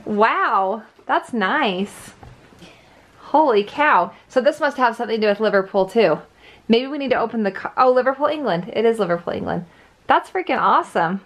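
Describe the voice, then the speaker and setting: A woman's voice: on the high side, expressive, moderate pace, a bit bright. A middle-aged American woman chatting casually as a mother at home in a bedroom. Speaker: mother of the vlogger. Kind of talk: casual family chat.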